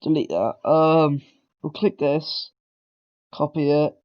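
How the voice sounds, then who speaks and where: A slightly high male voice takes its time, with the recording's highs cut off. The speaker, a tutorial maker with a cold, talks casually through beginner coding, rambling, correcting himself, and peppering it all with ums and throat clearing.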